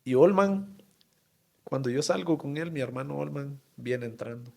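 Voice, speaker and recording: A Honduran man speaks as an interview guest with a gravelly edge at a middle pitch. He tells his story haltingly, pausing often and tagging on questions, his voice heavy with emotion. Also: darkish tone. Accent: Honduran Spanish. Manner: halting and emotional, many pauses, fillers and tag questions. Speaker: town mayor, interview guest.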